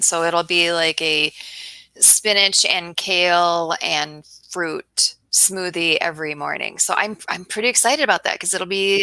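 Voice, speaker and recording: A woman's voice: fairly low pitch, vocal fry, bright, forceful tone, dry recording, poor audio. A woman co-hosting a podcast, chatting casually in an upbeat, matter-of-fact way. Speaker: podcast co-host. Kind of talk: casual chat.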